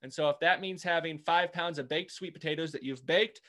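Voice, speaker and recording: Man, interview guest, slightly high voice, halting, repeats words, casual talk. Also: pushed and bright. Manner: hesitant, many restarts and fillers.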